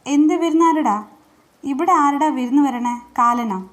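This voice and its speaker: A woman voicing an older aunt who worries and scolds, talking in a grumbling, sharp way. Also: sits high, moderate pace, lightly acted. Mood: scolding.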